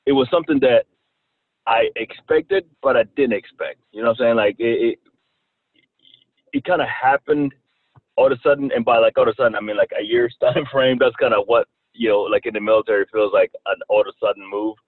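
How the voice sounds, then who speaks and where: A man in his thirties from Rwanda with a slight Southern twang, talking haltingly as an interview guest and often repeating words. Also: medium pitch, dry recording. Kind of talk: casual interview talk. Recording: tinny phone-like line, faint noise.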